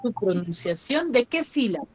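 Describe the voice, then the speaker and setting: A woman's voice: on the high side, sing-song, moderate pace. A woman teaching an online class, quizzing pupils and stretching out syllables for emphasis, heard over a video call mic. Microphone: computer mic on a video call. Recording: slightly muffled online call audio.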